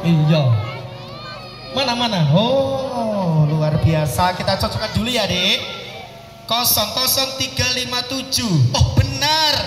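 A man with a Javanese-influenced accent hosts a live raffle loudly and playfully, rousing the crowd and calling out numbers. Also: very high voice, takes it slowly. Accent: Javanese-influenced Indonesian. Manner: animated, repetitive crowd-rousing with playful banter. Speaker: master of ceremonies at a raffle. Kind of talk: loud live event hosting, calling coupon numbers to a crowd. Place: open grassy campground at night. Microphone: handheld PA mic, filmed from afar. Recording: echoing loudspeaker outdoors, music and crowd noise. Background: music and crowd chatter.

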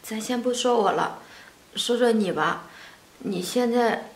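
A young woman playing a pregnant daughter who speaks softly and politely. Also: a little high, measured pace, roomy sound, natural voice, poor audio. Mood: subdued. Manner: soft, subdued, polite. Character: gentle pregnant young woman cast out by family.

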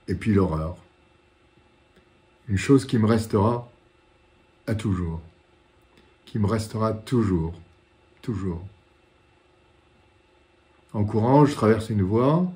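Low-voiced older man, war correspondent recounting. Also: dark tone. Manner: dramatic storytelling with repeated phrases and pauses. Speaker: war correspondent recounting his own reporting. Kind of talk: war correspondent's first-person recollection. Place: living room, indoors.

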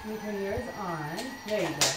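A woman's voice: medium pitch, a little fast, a bit bright. A woman filming her small children at home, coaxing them in a sing-song way, recorded on an old camcorder. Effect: old camcorder audio. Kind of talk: casual home video. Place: home living room indoors. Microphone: handheld camcorder she is filming with.

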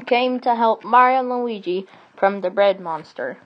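A woman telling an improvised storybook tale in an animated way, stumbling into restarts and adding sound effects. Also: medium pitch, unhurried, muffled recording, background noise.

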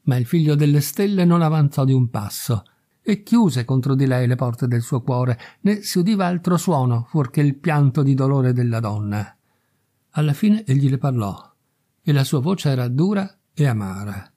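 A man's voice: medium pitch, animated, normal speed, dark tone. Man reading a fairy tale aloud. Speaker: narrator and reader. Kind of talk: literary audiobook reading.

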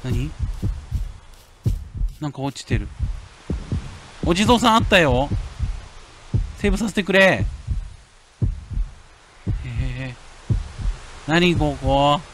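A man giving lively let's-play commentary on a horror game, muttering to himself and then yelling at scares. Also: slow pace, long pauses, a little hiss or hum. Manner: animated, jumps from low mutters to yelps and shouts. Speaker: game streamer.

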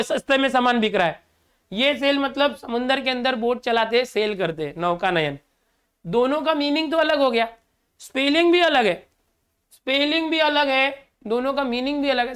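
A man's voice: very high-pitched, a bit bright, clean tone. A middle-aged Indian man teaching a class, who explains each word and repeats it, then asks the students to say it back. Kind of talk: classroom lecture.

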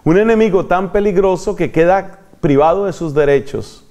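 A man's voice: high-pitched, normal speed, warm tone. A man with a Colombian accent preaching a retreat sermon, repeating key phrases for emphasis and answering his own questions. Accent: Colombian Spanish.

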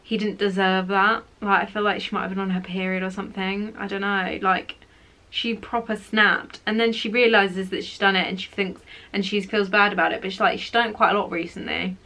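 Bright, chatty young woman. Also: mid-range voice, little pitch movement, a little fast. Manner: chatty, opinionated, lots of fillers. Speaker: vlogger. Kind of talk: casual chat. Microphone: camera mic.

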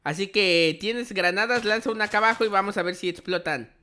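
With music in the background, a man hosting a gaming channel's gameplay roleplay video jokes and exclaims, firing off repeated words in bursts. His voice sits high and moves fairly quickly, and there is background noise.

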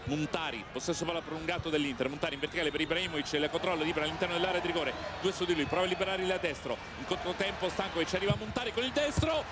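A man with an Italian accent giving live football play-by-play with excited, breathless goal calls. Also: fairly high pitch, rapid-fire, hardly any pauses. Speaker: football commentator. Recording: loud stadium crowd noise. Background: stadium crowd noise.

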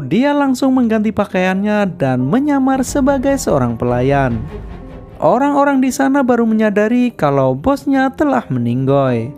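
A woman giving scripted narration that retells a film's plot in a steady storytelling manner. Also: medium pitch. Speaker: film recap narrator. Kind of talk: scripted film recap narration. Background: background music.

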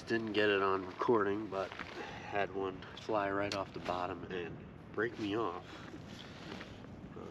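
An easygoing young man chats to his action camera out on a frozen lake, upbeat and loose with his fillers. His voice sits a little low. Steady wind and outdoor noise carry through the recording. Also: far from the mic. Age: young adult. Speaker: angler filming his fishing trip. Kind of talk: casual vlog talk to camera. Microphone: action camera close by.

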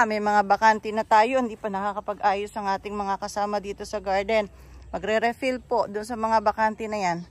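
A chatty plant seller, walking through a garden and pointing out plants one by one. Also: medium pitch. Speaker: bougainvillea seller giving a garden tour. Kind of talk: casual garden walkthrough vlog.

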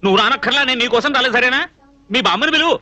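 A man's voice: extremely high pitch, sharp tone, exaggerated voice. A young man playing a flustered bachelor who scolds in exasperated bursts in a film comedy scene. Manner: exasperated rapid scolding with comic outbursts. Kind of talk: Telugu film comedy dialogue.

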